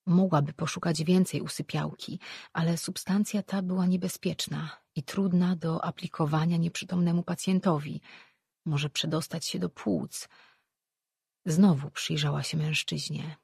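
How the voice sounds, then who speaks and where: An audiobook narrator reading a fantasy novel in a steady, measured way. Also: medium pitch, creaky, breathy edge, no room sound, studio quality.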